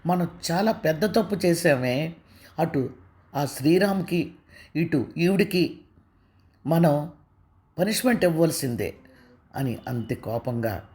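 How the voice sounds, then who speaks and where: A man narrating a serialized story in an even, read-aloud manner. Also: on the high side, slow, pauses often, husky. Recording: dull lo-fi with faint music.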